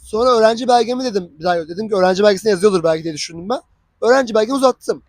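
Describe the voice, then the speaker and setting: A young man with a high voice tells his own story, casually chatting and acting out the dialogue. The recording is close and dry, with no room echo. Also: racing. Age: young adult. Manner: animated, acts out dialogue. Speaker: vlogger.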